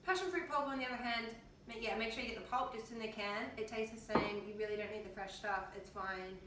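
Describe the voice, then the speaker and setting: A woman's voice: fairly high pitch, fast. Tired, chatty Australian woman in an echoey kitchen. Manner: chatty, offhand, colloquial. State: tired, in pain. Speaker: health vlogger. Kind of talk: casual kitchen vlog. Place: home kitchen with windows open. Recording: very echoey kitchen, distant mic, faint noise.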